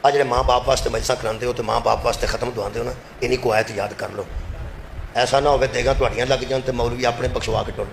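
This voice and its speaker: A male preacher with a Punjabi accent giving a majlis sermon over a loudspeaker, swinging between fervent shouting and low confiding asides, often putting questions to the crowd. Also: fairly even intonation, vocal fry, echoey room, a little hiss or hum. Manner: addresses the crowd directly with rhetorical questions. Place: religious gathering with loudspeaker. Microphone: loudspeaker microphone.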